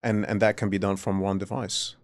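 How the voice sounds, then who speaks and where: A podcast host with a non-native accent chats casually in an interview, asking probing questions and often replying with short affirmations. His voice is on the low side, flat and a little fast, captured with clean studio sound and no echo.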